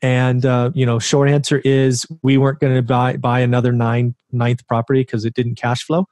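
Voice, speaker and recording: A man in his forties talks through his own story as an interview guest, mid-pitched and conversational. He keeps tossing rhetorical checks to the listener, and the sound is dry and close. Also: little pitch movement, normal speed, darkish tone, dry recording. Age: 40s. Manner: conversational, asks rhetorical "right?". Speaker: interview guest, real estate investor.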